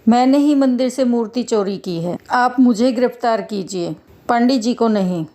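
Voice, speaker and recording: Woman doing a calm god in disguise, firm and steady, mellow voice. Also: fairly high pitch, normal speed, natural voice. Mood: stern. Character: calm divine monkey-god in a man's guise.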